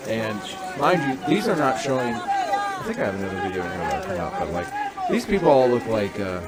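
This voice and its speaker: A man with a fairly low voice riffs loosely in podcast chat. He swears freely and gets animated, often breaking into laughter. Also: brisk, over a noisy crowd, heavy background noise. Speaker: podcast co-host.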